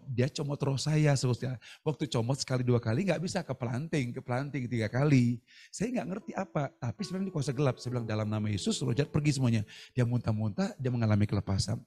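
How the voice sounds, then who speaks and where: A man preaching a sermon over a video call, telling stories in an animated, chatty way. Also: mid-range voice. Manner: animated, chatty storytelling with laughs. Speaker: pastor. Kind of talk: storytelling sermon.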